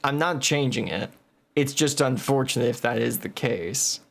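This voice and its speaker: A man's voice: mid-range voice, normal speed, gravelly. A man hosting a gameplay video, thinking aloud and muttering numbers as he plays. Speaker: game video host. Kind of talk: casual gameplay commentary.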